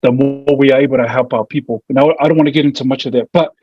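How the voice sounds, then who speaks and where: A fast-talking family violence mediator with a broad New Zealand accent delivers a casual, somewhat hesitant online presentation in a mid-range voice with fairly even intonation. The echoey room makes the audio sound muffled.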